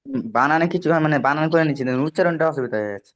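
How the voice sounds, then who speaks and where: A male student in an online class asking his teacher a question, hesitant and halting. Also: on the high side.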